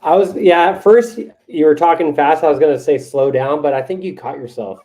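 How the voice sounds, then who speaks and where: A man coaching a colleague after a sales call, giving encouraging feedback in a casual, lively way. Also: a little high, brisk.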